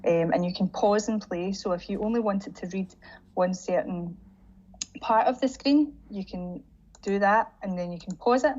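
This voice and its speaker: A woman trainer talking teachers through a software tutorial while sharing her screen, chatty and full of "again" and "um". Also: medium pitch, moderate pace. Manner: chatty, leans on "again" and "um" as she demonstrates. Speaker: digital learning trainer. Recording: dull lo-fi audio with faint hiss.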